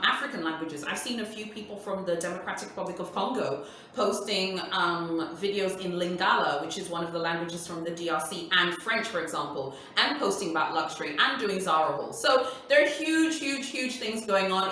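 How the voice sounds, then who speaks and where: A woman whose first language is Swahili, a luxury YouTuber, hosts a casual Q&A for her viewers, chatty and emphatic, repeating her points. Her medium-pitched voice sounds pushed and bright, and it's recorded far from the mic in an echoey room with slight background noise.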